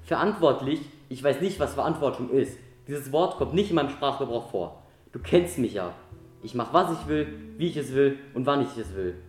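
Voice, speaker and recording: A man's voice: mid-range voice, expressive, normal speed, darkish tone, close to an everyday voice. A man voicing an arrogant young con man who talks down to a woman with smug contempt. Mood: mocking. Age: young adult. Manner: smug, condescending, mocking. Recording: echoey room with music behind.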